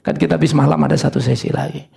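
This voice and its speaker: An older male pastor preaching a sermon, telling stories in an animated way with sudden high exclamations. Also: very fast, creaky.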